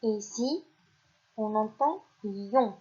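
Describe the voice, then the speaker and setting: A woman teaching a phonics lesson to young children, speaking clearly and encouragingly and praising the pupils as she goes. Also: on the high side, lively intonation, takes it slowly, dark tone. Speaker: primary school teacher. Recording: dull lo-fi recording.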